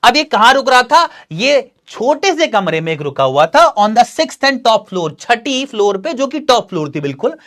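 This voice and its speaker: Male teacher, young adult, reads english lines slow then explains fast. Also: very high voice, sing-song, a bit bright. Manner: reads English text slowly, then explains briskly in Hindi. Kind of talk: bilingual literature lesson, reading and explaining.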